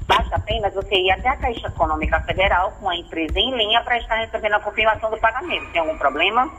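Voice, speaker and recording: A man on a landline phone call, announcing a prize in a rapid, insistent scripted pitch and often asking if everything is all right. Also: bright, forceful tone. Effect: heard over a landline phone. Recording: muffled phone line with faint hiss.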